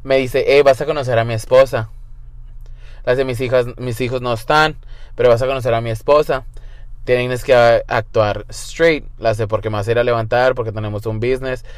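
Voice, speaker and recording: A man's voice: medium pitch, steady tone, moderate pace, dry recording. Campy young man telling a crude story. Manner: camp, crude slang, mixes English and Spanish. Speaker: guest storyteller. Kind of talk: casual storytelling.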